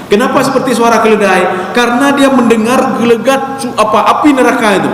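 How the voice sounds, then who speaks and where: Lively preacher echoing in a mosque hall. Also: male voice, very high-pitched, fairly quick, slight background noise. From Indonesia. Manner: lively, rising questions, chanted Arabic recitation. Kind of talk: mosque sermon lecture.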